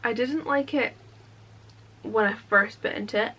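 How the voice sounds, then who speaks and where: A woman's voice: on the high side, unhurried, pushed and bright, husky, highs cut off. A young woman chatting casually through a product unboxing vlog, sometimes talking while eating. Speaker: vlogger.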